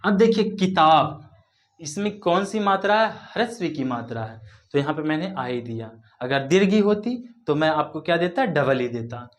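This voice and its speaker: A man's voice: on the high side, animated, moderate pace. A man teaching a spelling lesson with a Hindi accent, spelling words out letter by letter and patiently repeating them. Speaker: English teacher.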